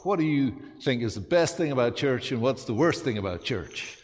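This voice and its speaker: A man's voice: mid-range voice, expressive, normal speed, big-room sound, pitched above the performer's own voice, natural voice. A man putting on an American accent to play a blunt American man asking questions at church.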